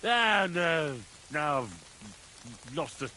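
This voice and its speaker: A man's voice: a little high, sing-song, extremely slow, background noise, heavily acted. An actor playing a boastful, cocky young man in a video game, bragging and swearing as he drinks.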